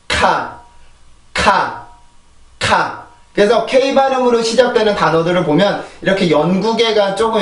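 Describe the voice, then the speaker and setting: A man teaching English pronunciation in a lecture, explaining sounds and repeating them in drills, often checking in with his listeners. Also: high-pitched. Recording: echoey room, voice a bit distant from mic.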